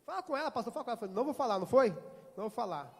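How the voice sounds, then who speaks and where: A man's voice: very high-pitched, big pitch swings, very fast, creaky, slightly rough. Brazilian male pastor, middle-aged, acts out dialogue in his sermon, long church reverb. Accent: Brazilian Portuguese. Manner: storytelling, acting out dialogue. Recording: hall reverb.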